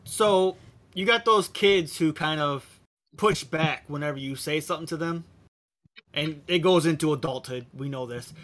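A man with a somewhat high voice speaks in a measured, thoughtful way during a podcast discussion. He lays out his reasoning carefully and calmly. He sounds composed and analytical. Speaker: podcast panelist. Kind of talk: casual discussion.

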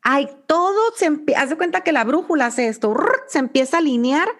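A woman's voice: high-pitched, animated, brisk. Reflective Mexican woman interview host. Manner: warm, reflective, talks of intuition and the heart.

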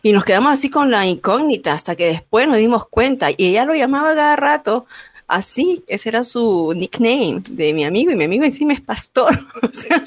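A woman from Argentina co-hosting a podcast, telling anecdotes in a casual, animated way. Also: a little high, fairly quick, no room sound. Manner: animated storyteller, laughs often. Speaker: podcast co-host.

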